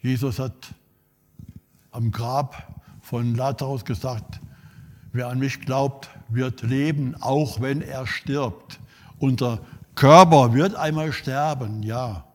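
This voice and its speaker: Slow preaching man in a reverberant hall. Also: mid-range voice, steady tone. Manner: slow, emphatic preaching with repeated phrases. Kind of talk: sermon.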